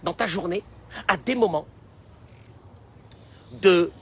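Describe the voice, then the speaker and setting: A man teaching a religious class in a lively sermon style, acting out the voices of the people he quotes and sometimes breaking into shouts. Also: high voice, slow pace, a little hiss or hum. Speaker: rabbi teaching a Torah class. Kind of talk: animated sermon-style lesson.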